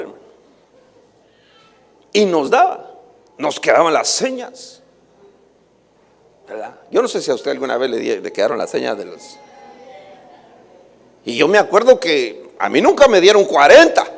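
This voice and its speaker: High-voiced pastor preaching in a reverberant hall. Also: male voice, creaky. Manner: preaching with swings between loud calls and soft asides. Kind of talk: sermon. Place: church hall. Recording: livestream with long hall reverb.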